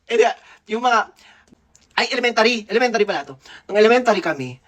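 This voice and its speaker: A man in his thirties from the Philippines tells a childhood story in a casual, gossipy way. His pitch swings widely and expressively from line to line. He sounds playful, teasing and at ease. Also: expressive, fast, fairly bright tone. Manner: gossipy, playful, laughs often. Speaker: dentist vlogger.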